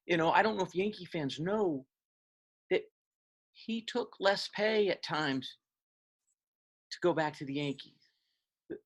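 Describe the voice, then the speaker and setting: A man's voice: high voice, breathy edge. Man reminiscing with fillers and restarts. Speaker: interview guest. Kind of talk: casual interview.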